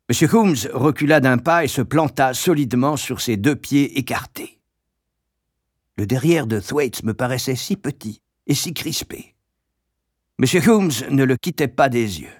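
A man narrates a story at a measured pace, with a grave, even delivery. His voice sits in a middle range for a man. The recording is close and completely dry. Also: medium pitch, breathy edge, no echo. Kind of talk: scripted audiobook narration.

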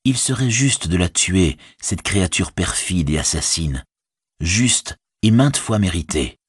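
Deep, husky man reading fantasy aloud. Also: dry recording, studio quality. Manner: measured, expressive reading. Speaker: audiobook narrator. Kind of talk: scripted fantasy narration.

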